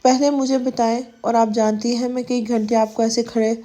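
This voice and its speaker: A woman voicing a doting, teasing young husband, in her own mellow voice. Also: very high voice, flat delivery. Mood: affectionate.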